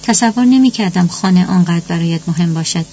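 A woman's voice: on the low side, mellow, natural voice. A proud, sickly mother speaks in a cool, dismissive tone, as a woman reads her lines. It is an audiobook reading. The sound is slightly muffled, with a faint hum behind it. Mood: cold. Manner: cold and dismissive. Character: cold, proud, sickly middle-aged mother.

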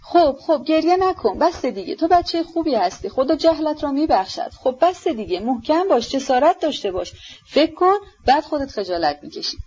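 A woman's voice: high-pitched, big pitch swings, darkish tone, voice pushed up. A woman voicing an impatient, commanding older noblewoman with a scolding manner, in an audiobook reading on a dull lo-fi recording. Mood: soothing. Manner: scolding, bossy.

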